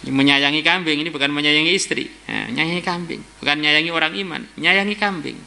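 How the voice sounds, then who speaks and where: A man preaching an Islamic study sermon, telling stories lively and exclaiming as he teaches. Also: a little high, quick pace, vocal fry. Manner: storytelling preacher, voices quoted figures and exclaims. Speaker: kyai teaching a religious book. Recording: faint background noise and hum.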